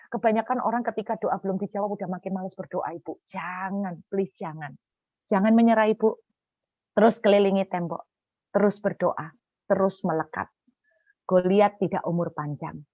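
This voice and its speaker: Woman pastor, sermon to women, animated storyteller, dry dull-toned recording. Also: medium pitch, dry recording. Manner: animated storytelling, acts out dialogue in quick voices; drops to soft earnest urging.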